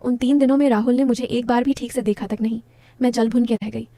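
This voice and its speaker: Warm-voiced woman telling a confiding story. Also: a little high, steady tone, fast talker, dry recording. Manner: intimate, confiding, talks straight to listeners. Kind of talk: first-person story narration.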